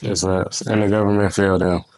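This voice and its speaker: A man's voice: sits low, flat delivery, a little fast, darkish tone. A man co-hosting a podcast in casual chat, laid-back, mostly reacting with short agreeing remarks. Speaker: podcast co-host.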